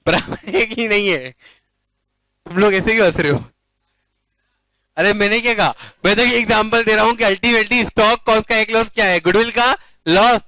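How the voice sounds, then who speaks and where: A man's voice: high-pitched, bright, forceful tone, no room sound, poor audio. A male commerce teacher lecturing a class playfully, often checking that students follow and mixing English phrases into his talk.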